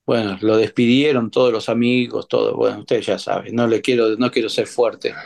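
A man's voice: fairly low pitch, level tone, normal speed, creaky, a little mellow. A man preaching a sermon in an emphatic way, repeating phrases and asking his congregation rhetorical questions.

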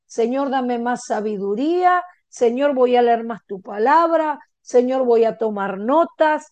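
Argentine lady pastor giving a sermon, kinda high mellow voice, dull dry sound. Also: expressive, unhurried, dry recording. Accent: Argentine Spanish. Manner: earnest and encouraging, laughs between stories. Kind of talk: sermon with personal anecdotes.

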